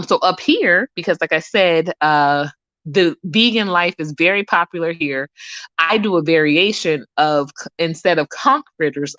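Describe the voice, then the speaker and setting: A woman's voice: on the low side, a bit bright, no room sound. A woman hosting a casual live audio chat, talking in a rambling way with many fillers. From Bahamas. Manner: chatty, rambling with frequent fillers. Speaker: host. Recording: dull, dry lo-fi sound.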